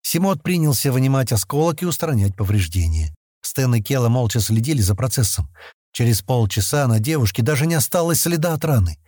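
A male narrator reads a science fiction audiobook in an expressive storytelling manner. His voice is mellow and its pitch moves freely, and the recording is dry and close. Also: brisk, no echo. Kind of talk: scripted narration.

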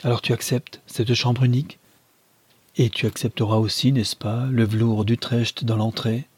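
A man puts on a domineering middle-aged mother from a storybook, lifting his dark, husky voice a little higher as she lectures in a string of emphatic rhetorical questions. The sound is close and dry. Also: level tone, moderate pace, no room sound, natural voice. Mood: indignant.

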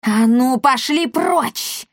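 A woman's voice: on the high side, normal speed, no echo, close to an everyday voice. A stern grey striped tomcat speaks with a menacing hiss, as a woman reader puts him on. Dry, close sound. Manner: hissing, menacing. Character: stern grey striped male cat, suspicious.

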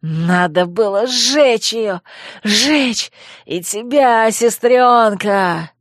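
A woman voicing a deranged, murderous man who giggles and drools, speaking in slow, drawn-out ravings in an audiobook. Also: medium pitch, dry recording, studio quality. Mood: hateful. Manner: slow, sing-song ravings. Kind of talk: audiobook character voice.

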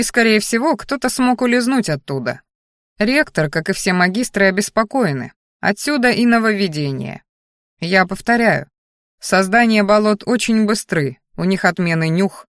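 A stern grey-haired magister lecturing his students, as a woman reading an audiobook puts him on. He talks in a calm, measured way and scolds gently. The voice sits at an ordinary pitch and is recorded very dry and close. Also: no echo, natural voice.

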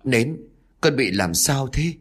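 A man's voice: medium pitch, expressive, takes it slowly, fairly bright tone, voice pushed up. A man voicing a frightened village mother who pleads tearfully for help with her son. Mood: pleading.

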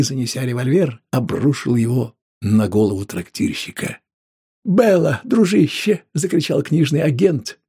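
A man narrating an audiobook in a measured, grave way. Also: medium pitch, vocal fry, warm tone, slightly rough.

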